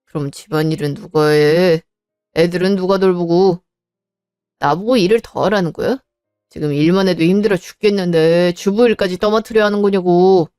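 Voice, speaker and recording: A woman voicing a cold, dismissive husband who flatly refuses every request. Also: on the low side, moderate pace, smooth, no room sound, clean studio sound, faint music behind, close to an everyday voice. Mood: scolding. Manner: blunt and unyielding. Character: cold, dismissive husband, busy working man. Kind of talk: Korean drama voice acting.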